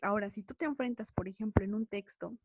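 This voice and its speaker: A woman's voice: medium pitch, quick pace, husky, no room sound. A woman teacher with a Mexican accent giving an online class, talking casually with many tag questions. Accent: Mexican Spanish. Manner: conversational, frequent tag questions.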